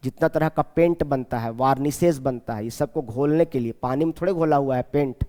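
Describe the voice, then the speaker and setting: A man teaching a chemistry class, repeating key terms slowly and asking his students questions as he goes. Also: mid-range voice, warm tone, in a large hall. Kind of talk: classroom lecture.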